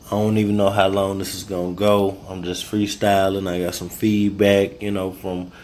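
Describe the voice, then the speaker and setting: A man's voice: low-pitched, moderate pace, a little hiss or hum. A man hosting a podcast, talking loose and rambling after a few drinks, freestyling his thoughts. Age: adult, married. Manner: loose, rambling, tipsy and relaxed. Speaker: podcast host. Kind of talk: casual freestyle podcast monologue.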